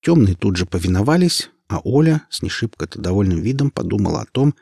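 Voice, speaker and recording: Husky low-voiced male audiobook narrator. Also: fast, no room sound, studio quality. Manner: steady storytelling with acted character voices.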